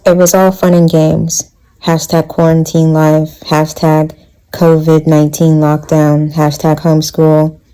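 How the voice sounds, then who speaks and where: A woman's voice: low-pitched, flat delivery, a little slow, dark tone, clear, resonant tone, poor audio. A woman giving a wry, casual vlog narration.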